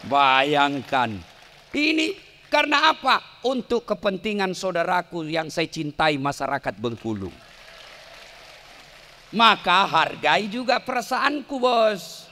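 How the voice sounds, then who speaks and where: Casting: male preacher, crowd-teasing, bright tone, long hall reverb. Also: high voice. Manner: joking, teasing the audience, leads call-and-response chanting. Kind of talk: lively sermon at a public event. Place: large hall with an audience.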